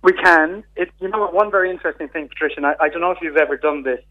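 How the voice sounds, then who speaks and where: A man's voice: fairly high pitch, rapid-fire. A man from County Kerry with a south-west Irish accent, explaining things in a discursive, conversational way as a radio interviewee. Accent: Irish, Kerry in the south-west of Ireland. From County Kerry, Ireland. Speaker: interviewee, community integration worker. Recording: narrow tinny phone line.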